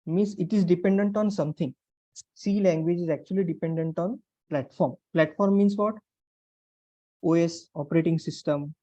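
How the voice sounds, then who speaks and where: Here an Indian English-accented programming instructor teaches online in careful steps, using repetition and check-in questions. His medium-pitched voice is warm and moderately paced. Captured on a class call mic, the sound is lo-fi with no room sound.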